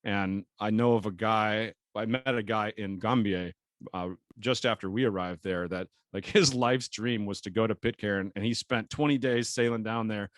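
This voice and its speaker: An American man, a sailor guest on a podcast, telling stories in an animated, casual way with laughs and the odd swear word. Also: lowish voice, normal speed, no echo. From United States. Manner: animated storyteller, laughs often, relaxed swearing. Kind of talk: casual chat.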